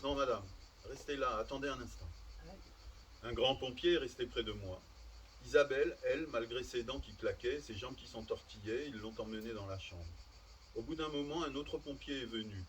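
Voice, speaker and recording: A man reading short stories aloud at a public literary event, with a measured storytelling delivery. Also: mid-range voice, a little hiss or hum. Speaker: reader. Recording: distant mic, faint outdoor ambience.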